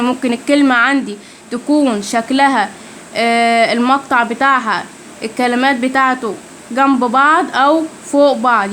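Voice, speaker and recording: A woman with an Egyptian Arabic accent, her voice pitched high, teaches in a casual spoken way. She drills each sound slowly and over and over, and answers her own questions. A faint hiss of noise sits under her voice. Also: a bit bright. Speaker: language teacher.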